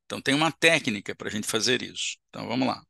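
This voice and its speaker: A man's voice: lowish voice, expressive, fast talker, gravelly, sharp tone, no room sound, clean studio sound. A man giving a seminar lecture in an auditorium, explaining step by step and checking in with the audience with short tag questions.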